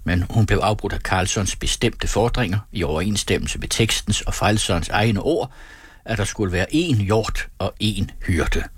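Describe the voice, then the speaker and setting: A man narrating a story in a steady, measured audiobook reading. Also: on the low side, breathy edge, no echo.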